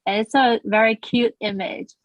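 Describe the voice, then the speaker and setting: The founder of a language school, a woman from Taiwan, answers a casual interview earnestly, with lots of restarts. She speaks at a moderate pace in a steady, slightly high voice, recorded dry.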